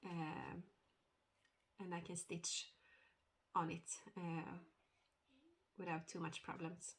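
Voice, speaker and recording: A woman with a cold, sounding a little nasal, giving a casual stitching update vlog with many hesitant fillers and throat-clearing. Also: lowish voice, little pitch movement, takes it slowly, a bit bright. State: has a cold, slightly nasal. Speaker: cross-stitch vlogger.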